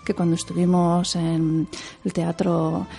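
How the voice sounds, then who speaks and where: A woman's voice: lowish voice, slow pace, creaky, faint music behind. A woman opera singer and stage performer, talking expressively in an interview. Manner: expressive, animated storyteller with laughs. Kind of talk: interview conversation.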